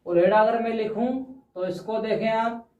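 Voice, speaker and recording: A man's voice: high voice, fairly even intonation, darkish tone, distant mic. Male teacher heard from across a room. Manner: patient, repeats words slowly, checks in with 'ठीक है' often. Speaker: Hindi teacher. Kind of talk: explanatory classroom lesson. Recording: roomy, dull sound from off-mic.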